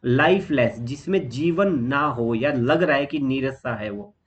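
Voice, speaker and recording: A man with an Indian accent and a medium-pitched voice gives a steady, explanatory lesson on exam vocabulary, listing words and pausing on fillers. The audio sounds dull.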